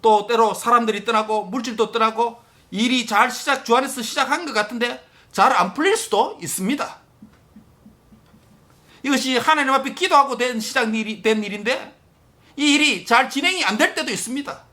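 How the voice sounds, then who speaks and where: A male pastor preaching a sermon with impassioned emphasis, addressing the congregation directly and dropping at times to a hushed near-whisper. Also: very high-pitched, fairly quick.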